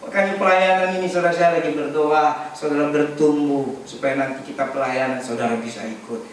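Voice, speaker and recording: A man preaching a sermon as pastor, animated and joking, calling for responses from the congregation. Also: fairly high pitch, fairly quick, slight background noise. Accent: Indonesian. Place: large church hall. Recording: echoey church hall, distant mic.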